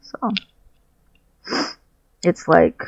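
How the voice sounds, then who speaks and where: A man speaks very slowly in a personal video diary, candid and reflective, groping for his words while sitting on his bed at home. His headset mic yields dull, muffled lo-fi audio with no room sound.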